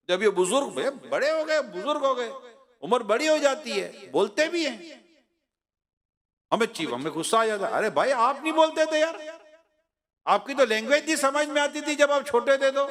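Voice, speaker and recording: High-voiced man preaching an emotional sermon. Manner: impassioned, acts out voices of parents and children; drops to a hushed voice when telling a personal story.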